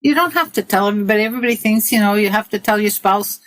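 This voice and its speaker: A woman's voice: medium pitch, animated, very fast, poor audio. An older woman from Italy talks through her own life as an interview guest. Her tone is earnest and practical, and she often stops to give direct advice to listeners. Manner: earnest, advice-giving, laughs at herself. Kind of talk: personal interview.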